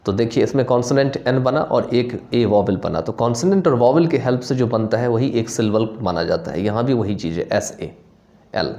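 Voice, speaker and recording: A man teaching a lesson, reading English definitions aloud slowly and then explaining them again in plain words, checking in often with his students. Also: mid-range voice, expressive, mellow. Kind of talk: Hindi lecture on English phonetics, mixing Hindi and English.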